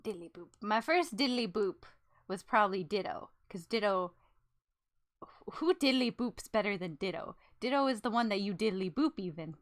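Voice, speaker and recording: A woman's voice: medium pitch, animated, normal speed. A young woman hosting a casual gaming chat, swearing, laughing and mimicking game sounds with her voice. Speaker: streamer host.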